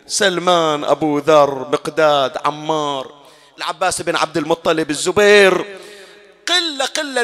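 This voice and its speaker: A man with a Bahraini Arabic accent giving a Shia mourning sermon, moving from soft storytelling to loud, wailing climaxes. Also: fairly high pitch. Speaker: preacher. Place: mourning hall.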